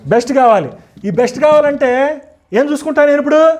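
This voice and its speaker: High-voiced man quizzing a class. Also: a little fast, darkish tone. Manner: quizzes listeners with rhetorical questions. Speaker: teacher addressing a group. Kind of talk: interactive teaching talk.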